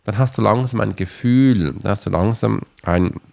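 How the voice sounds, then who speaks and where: Low gravelly man, rambling coach. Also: normal speed, a little mellow. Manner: rambling, chatty, addresses listener directly. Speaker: podcast host and online course coach. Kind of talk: casual motivational monologue.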